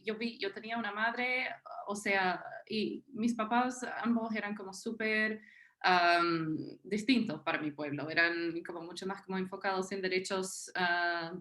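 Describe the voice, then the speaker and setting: A historian from Tennessee, a native English speaker with an American accent, talks unscripted on a panel. Her mid-range voice has fairly even intonation and a fairly bright tone, and she is unhurried. She sounds hesitant, with many fillers and restarts.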